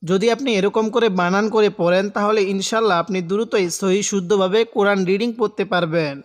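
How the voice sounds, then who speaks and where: This high-voiced man speaks in a steady tone with a big-room sound while teaching how to read the Quran. He breaks words into syllables, recites them slowly and drawn out, and guides patiently step by step.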